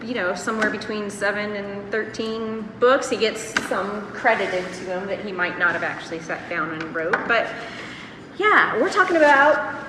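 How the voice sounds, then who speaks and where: A woman's voice: mid-range voice, normal speed, noisy background. A woman co-hosting a satirical comedy chat, talking in a sarcastic, mock-sincere way. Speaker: podcast co-host. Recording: roomy reverb with loud music behind.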